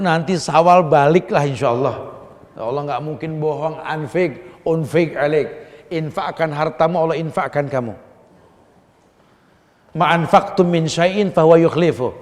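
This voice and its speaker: A male preacher giving a sermon, moving between loud exhortation and soft, confiding asides. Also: a little high, normal speed, in a large hall.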